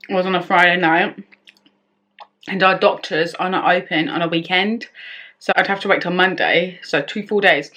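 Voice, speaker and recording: A woman's voice: lowish voice, fairly bright tone. A woman vlogger telling a personal story in casual, chatty speech, rambling and often breaking off to restart her sentences. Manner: rambling, self-interrupting. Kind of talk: casual story-time chat.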